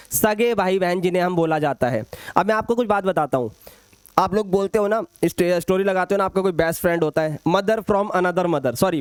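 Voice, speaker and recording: A man's voice: high voice, clear, resonant tone, no echo. A young man teaching an online exam-prep maths lesson, calling students "beta", repeating points and adding playful asides.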